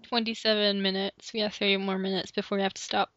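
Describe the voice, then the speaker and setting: A woman's voice: mid-range voice, little pitch movement, quick pace, fairly bright tone, no room sound. A young woman co-hosting a podcast over an online call, chatting in a giggly, rambling way with many restarts. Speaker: podcast co-host. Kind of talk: casual chat. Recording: dull lo-fi call audio.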